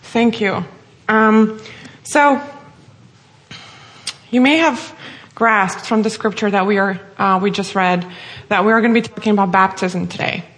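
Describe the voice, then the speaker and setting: A woman's voice: medium pitch, unhurried, pauses often, a bit bright. Woman, Russian accent, preacher, sermon, mid-range voice, earnest, heartfelt.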